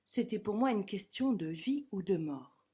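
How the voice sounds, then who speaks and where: A woman narrating a storybook as a theatrical, dramatic reading, with emphatic phrasing and a husky voice. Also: mid-range voice, animated, a little slow, mellow.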